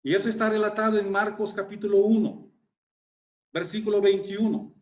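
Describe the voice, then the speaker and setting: A man preaching a sermon, explaining scripture in a deliberate, emphatic way and exclaiming in wonder. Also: high voice, flat delivery, a little mellow, roomy sound.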